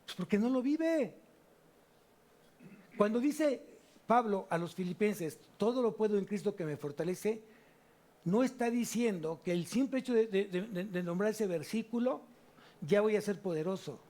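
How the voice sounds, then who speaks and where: A man preaching a sermon in church, animated, asking the congregation rhetorical questions and answering them himself. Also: sits high, moderate pace. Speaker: pastor.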